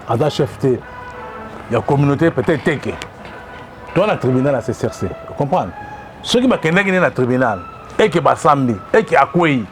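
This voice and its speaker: Animated man answering interview questions. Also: fairly high pitch, a little hiss or hum. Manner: emphatic, often repeats "vous comprenez?". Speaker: president of a traditional chiefs' community.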